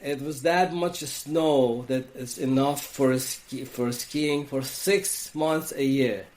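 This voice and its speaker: An Iranian-accented man speaks as a guest on a conversational podcast. He talks slowly and thoughtfully, pausing and restarting as he works through ideas. His voice sits at a middle pitch. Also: steady tone, darkish tone. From Iran. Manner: slow, thoughtful, with frequent restarts. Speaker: podcast guest, wellness coach. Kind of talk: reflective interview talk.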